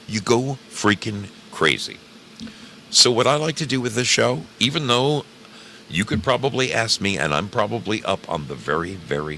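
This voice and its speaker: Speaking to a live stream audience as host of an online radio program, a man rambles casually, clowning theatrically and repeating phrases for emphasis. His low voice is gravelly, bright, and forceful, with slight background noise in the recording.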